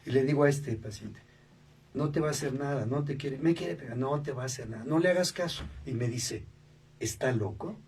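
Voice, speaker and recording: A man's voice: mid-range voice, a little fast, slightly rough. A man, a radio show guest telling stories and acting out the voices of people he quotes. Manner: animated, acts out quoted voices, tags remarks with "¿no?". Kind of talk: storytelling interview talk. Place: radio studio. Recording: distant mic, faint background noise.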